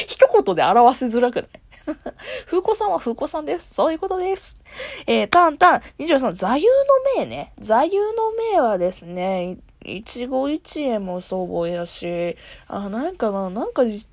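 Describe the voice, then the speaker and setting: A woman's voice: on the high side, big pitch swings, normal speed, no room sound. A young woman with a Kansai accent, talking frankly and laughing often as she introduces herself in a solo talk show. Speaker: radio talk host.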